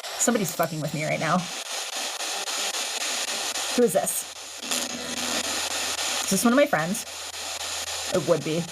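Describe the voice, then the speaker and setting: A woman's voice: on the low side, expressive, a little slow, pauses often. A woman hosting a casual livestream, chatting to viewers in an informal, slangy, sweary way. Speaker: livestream host. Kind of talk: casual live chat with viewers. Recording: clear hiss and static noise. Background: noisy spirit box radio static.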